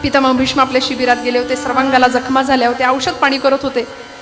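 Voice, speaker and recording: A woman preacher telling an epic story in a devotional kirtan, lively, with rhetorical questions and asides to the crowd. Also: sits high, fast, over music.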